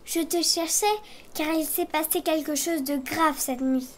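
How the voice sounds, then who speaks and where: A woman's voice: sits high, fairly even intonation, measured pace. A woman voicing a curious young girl investigating in the forest, earnest and reasoning things through aloud. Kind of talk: children's audio story acting.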